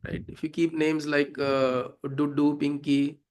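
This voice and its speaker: Speaking a little slowly, this man has a slightly high, level, smooth and somewhat mellow voice. He teaches Sanskrit devotional hymns with a South Indian accent, walking through verses in a casual, instructive style with frequent check-in questions.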